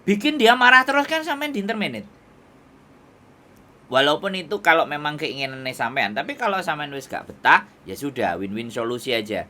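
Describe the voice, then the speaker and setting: Javanese guy giving advice on a call, bossy lecturing tone, bright voice. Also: on the high side, very animated, a little fast. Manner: firm, lecturing, asks if understood. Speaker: advisor to migrant workers. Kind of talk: advice over a phone call.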